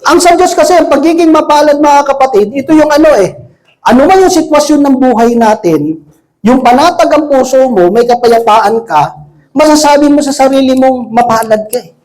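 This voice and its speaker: A man's voice: extremely high pitch, lively intonation, normal speed, a little mellow, poor audio. Joking lay preacher, man. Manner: jokey, asks the congregation frequent rhetorical questions. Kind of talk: conversational sermon. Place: church service with a congregation.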